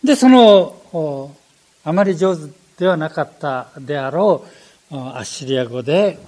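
An older man preaching a sermon, animated, with frequent fillers and self-corrections. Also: a little high, measured pace.

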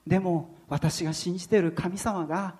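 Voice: mid-range voice, steady tone, moderate pace, a little mellow, lightly acted. A preacher voicing a middle-aged male taxi driver who earnestly admits his short temper and speaks of his faith. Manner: earnest, self-effacing confession.

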